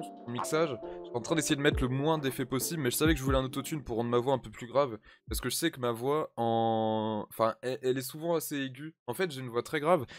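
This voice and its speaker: A music video creator recording a drill track talks casually in a vlog, explaining things as he goes while hesitating and thinking out loud. His voice is medium-pitched and the sound is dry, with no echo.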